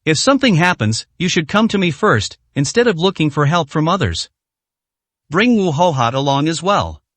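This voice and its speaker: A man voicing a cold, commanding young male boss who speaks calmly and bluntly. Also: a little high, moderate pace, no echo. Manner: calm and blunt.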